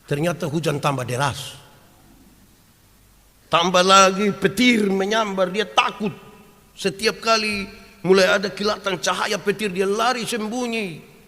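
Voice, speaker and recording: Man, pastor, sermon, lively storytelling, a bit high-pitched, long reverberant hall. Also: a little slow, long pauses. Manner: animated, switches between loud acted quotes and hushed asides; homely storytelling with humor and rhetorical questions.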